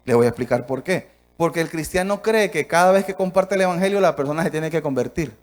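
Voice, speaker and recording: A man from Honduras preaching a sermon emphatically, asking rhetorical questions and swinging between soft and loud delivery. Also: on the high side, fast talker.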